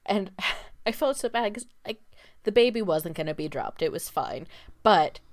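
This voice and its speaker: A woman's voice: mid-range voice, animated, moderate pace. A woman co-hosting a podcast, telling stories in casual chat and laughing often. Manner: chatty storyteller, laughs often. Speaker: podcast co-host. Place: home.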